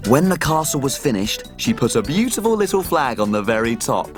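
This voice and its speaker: A man's voice: mid-range voice, sing-song, fairly quick, music in the background, lightly acted. A man playing a tiny, cheerful, eager little cook in a children's show, with an exaggerated, enthusiastic sing-song delivery. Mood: storytelling. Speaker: children's TV presenter. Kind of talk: playful children's show presenting and storytelling.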